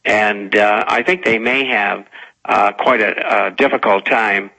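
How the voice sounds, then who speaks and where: An older man from Massachusetts giving political commentary as a talk radio guest, halting and grave, with a raspy voice. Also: lowish voice, fairly even intonation, sharp tone, rough recording. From Massachusetts, United States.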